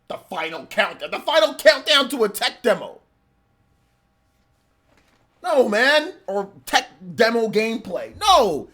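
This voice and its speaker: A man in his mid-forties hosts a live reaction stream and rants at length. His voice is bright and cutting. He sounds exasperated and circles back over the same points. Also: very high-pitched. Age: 40s. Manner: ranting, repetitive, exasperated. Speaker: livestreamer.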